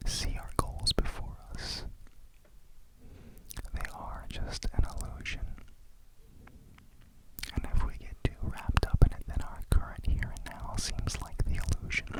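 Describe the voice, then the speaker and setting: A person whispering ASMR affirmations and guided meditation in a reflective, deliberate way. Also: poor audio. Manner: slow, reflective, deliberate phrasing.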